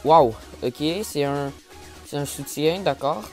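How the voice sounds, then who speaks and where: A man's voice: a little high, slow, a little mellow, soft background music. A man giving casual gameplay commentary and reading update notes aloud, who stammers, says "euh" a lot and apologizes often. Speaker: gaming YouTuber.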